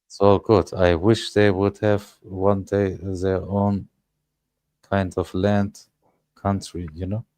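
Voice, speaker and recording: Slow, low-voiced man. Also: flat delivery, a little mellow, no room sound. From Germany. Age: 30s. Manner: halting, searching for words. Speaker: panel guest. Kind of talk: casual live panel chat.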